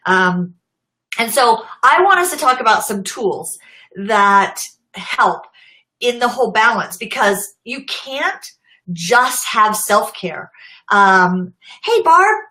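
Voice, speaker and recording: Middle-aged american lady chatting on a livestream, bright voice, laughs a lot, talks to viewers by name. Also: fairly high pitch, big pitch swings, takes it slowly, low-quality recording. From United States. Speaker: social media marketing host. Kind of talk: casual live-stream chat.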